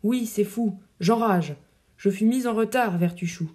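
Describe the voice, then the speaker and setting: A woman voicing an aging male poet-soldier, proud and teasing but secretly dying, reading verse drama with a gently mocking, lyrical delivery. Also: medium pitch, measured pace, natural voice. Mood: wry.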